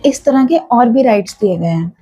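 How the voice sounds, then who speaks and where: A woman's voice: on the high side, expressive, normal speed, dark tone, slightly rough, no room sound. A woman teacher, explaining a text to students step by step and mixing Hindi with English. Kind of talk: classroom lecture explaining a text. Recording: dull, muffled sound.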